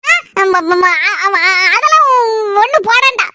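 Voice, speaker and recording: A woman's voice: extremely high pitch, animated, a little slow, bright, forceful tone, a little hiss or hum, heavily acted. A woman with a Kanyakumari Tamil accent playing a harried housewife who rants in long grumbling runs in a family comedy skit. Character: harried housewife and mother, complaining.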